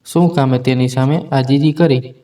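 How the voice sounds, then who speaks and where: A man voicing an angry, defiant young wife in a spoken story, in a sharp tone. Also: medium pitch, fairly even intonation, normal speed, natural voice.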